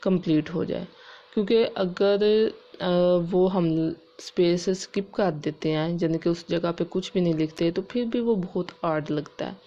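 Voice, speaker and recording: A woman English teacher explaining grammar rules step by step, spelling words out letter by letter and reading English rules slowly and carefully. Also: lowish voice, dark tone, dull audio. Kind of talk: classroom-style grammar lesson.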